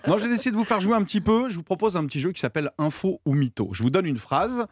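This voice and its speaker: A man's voice: high voice, expressive, fast talker, crowd noise. A man doing a playful, punning radio column and running a quiz game. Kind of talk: comic radio segment, hosting a quiz game.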